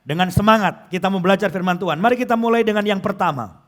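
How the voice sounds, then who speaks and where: A male pastor preaching a sermon, often putting questions to the congregation and calling them brothers and sisters, slowing down on key phrases. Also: high voice.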